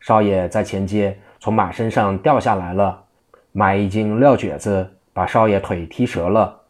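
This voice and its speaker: A man's voice: fairly low pitch, moderate pace, lightly acted. A man voicing a panicked young servant who stammers out of breath.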